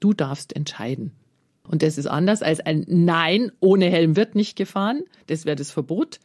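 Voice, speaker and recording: A woman talks as an expert guest on a radio program. She explains things calmly and clearly, and now and then acts out what a parent might say. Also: fairly low pitch, moderate pace.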